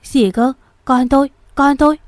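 A woman's voice: high voice, fairly even intonation, moderate pace, no echo, pitched above the performer's own voice, lightly acted. A woman voicing an elderly mother, anxious and doting, who breaks down at bad news. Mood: distraught. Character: elderly mother, fearful and fretting.

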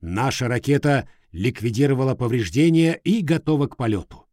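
A man's voice: mid-range voice, animated, moderate pace, warm tone, dry recording, pitched above the performer's own voice, lightly acted. A dutiful storybook cosmonaut voiced by a man reading aloud calls in and reports in clipped, formal radio style. The recording is close and dry.

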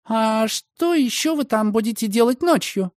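A man voicing a proud, sharp-tongued young woman who talks in a high, accusing tone. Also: animated, normal speed, no room sound, clean studio sound. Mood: indignant.

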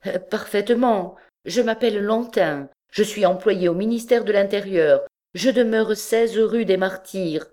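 A woman's voice: measured pace, dark tone, close to an everyday voice. A woman voicing a flustered, timid middle-aged male clerk who stammers in a raised voice. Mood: nervous. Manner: stammering, higher-pitched.

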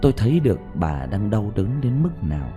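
A man with a low, mellow voice narrates a sad first-person story. His delivery is slow and mournful, and the pitch rises and falls widely. Soft music plays beneath him. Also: sing-song. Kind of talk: dramatic audiobook narration. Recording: soft music bed behind.

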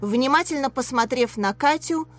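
A woman reading a children's story aloud as narrator, in an expressive storytelling way. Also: sits high, moderate pace, faint music behind. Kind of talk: audiobook reading.

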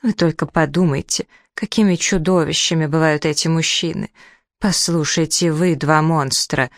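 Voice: fairly even intonation, moderate pace, no room sound, studio quality, lightly acted. Reader as a furious hysterical widow. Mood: indignant. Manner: shrill outrage, theatrical complaints. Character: indignant plump middle-aged widow, hysterical.

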